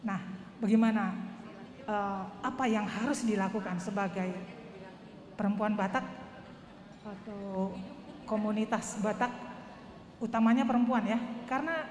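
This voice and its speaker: A woman's voice: mid-range voice, fairly even intonation, measured pace, pauses often, darkish tone. A woman from the audience asking a long question at a church talk, earnest and hesitant, full of fillers. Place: church hall. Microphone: handheld wireless mic. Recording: echoey hall with long reverb.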